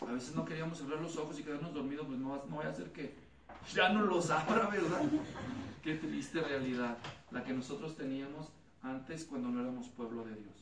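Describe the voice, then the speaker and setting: A man's voice: fairly high pitch, fairly quick. A man preaching an expository Bible study, asking the congregation questions, repeating their answers back and acting out voices in his stories. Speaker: pastor teaching a Bible study. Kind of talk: expository sermon with anecdotes. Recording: echoey room, mic at a distance, noisy.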